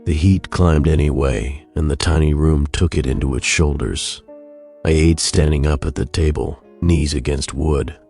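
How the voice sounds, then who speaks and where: A man with an extremely low, bassy voice delivers creepypasta horror narration. He reads the first-person story in a measured, somber way. Music plays behind his voice. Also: fairly even intonation, warm tone.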